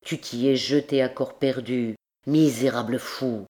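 Woman audiobook narrator, unhurried and measured, classic novel reading. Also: very deep voice, steady tone, warm tone. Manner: slow, measured literary reading. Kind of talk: scripted narration.

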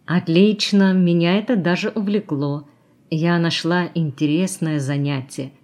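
A woman's voice: on the low side, measured pace, darkish tone, close to an everyday voice. A woman voicing a cynical, worldly society woman who teases and coaxes, in an audiobook. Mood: mocking. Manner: teasing, mocking, coaxing. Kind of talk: audiobook character reading.

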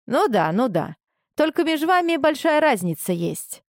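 A woman's voice: sits high, big pitch swings, normal speed, no room sound, studio quality, pitched above the performer's own voice. A woman voicing a domineering, reproachful middle-aged mother who scolds her grown daughter with indignant questions. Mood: indignant scolding. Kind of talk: audiobook character reading.

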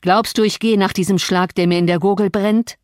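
A woman's voice: mid-range voice, fairly even intonation, a little fast, darkish tone, dry recording, natural voice. A woman reading the part of a brooding, violent man who speaks in a mocking, threatening way, close to her own voice. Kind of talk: audiobook character reading.

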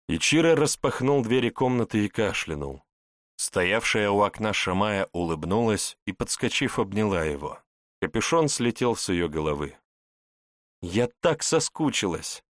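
A man's voice: low-pitched, no echo, clean studio sound. A man narrating a scripted fantasy story as an audiobook reader.

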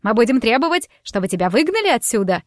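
Woman doing a shrill spiteful scandalmonger. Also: very animated, quick pace, dry recording, clean studio sound. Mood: accusing. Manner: shrieking, scornful and accusing.

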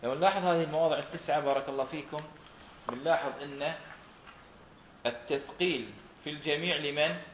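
A fast-talking man with a fairly high voice teaches a Quran recitation class, putting questions to his students and repeating their answers back. The recording sounds roomy and dull, with faint background noise.

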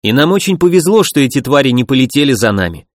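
A male narrator reads a first-person fantasy audiobook at a mid-range pitch. His delivery is steady and even, and the recording is dry and close with no room sound. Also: quick pace, no room sound.

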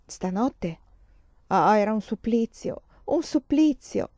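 A woman reading an audiobook, voicing a torn young mother who speaks in a tense, halting way. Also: mid-range voice, dark tone, dry recording, natural voice. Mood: anguished.

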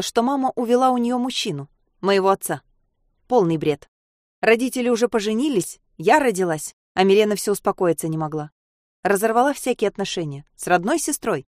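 A woman narrating a novel in the first person, detached and flat. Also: mid-range voice, dry recording, studio quality. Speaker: audiobook narrator.

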